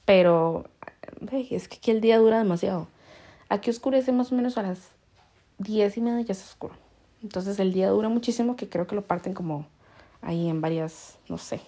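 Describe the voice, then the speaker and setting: Casting: Costa Rican woman, chatty podcast host, mellow gravelly voice, quick to laugh. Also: medium pitch. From Costa Rica. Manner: chatty, laughs often, heavy slang. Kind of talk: casual storytelling chat.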